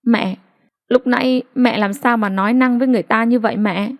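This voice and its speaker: A woman's voice: fairly even intonation, a little fast, dry recording, dull audio, natural voice. A woman voicing a heartbroken young woman who pleads with her mother through tears, in an audiobook reading. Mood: tearful pleading. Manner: pleading, high and strained. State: crying.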